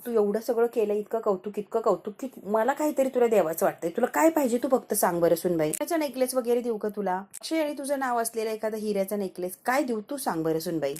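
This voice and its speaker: A woman's voice: on the high side, animated, quick pace, hardly any pauses, darkish tone. A woman voicing a doting older father-in-law who coaxes and indulges his daughter-in-law. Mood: indulgent. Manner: indulgent, coaxing.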